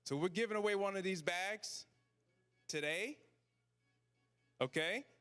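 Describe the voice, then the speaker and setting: A man's voice: high voice, a little slow, a bit bright, smooth, faint music behind. A man hosting a live event, speaking casually to the audience and often checking in with short questions. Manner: conversational, asks the audience questions, tags sentences with "right?". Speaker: event host.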